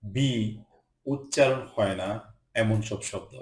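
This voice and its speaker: A man teaching English pronunciation, reading word lists slowly, one word at a time, with short rule explanations. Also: lowish voice. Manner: slow, deliberate word-by-word drilling. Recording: echoey room.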